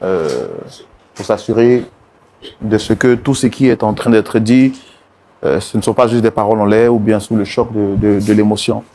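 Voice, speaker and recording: A man hosting and mediating a couple's dispute, patiently calming the guests with repeated gentle commands. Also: on the low side, normal speed. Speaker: host and mediator.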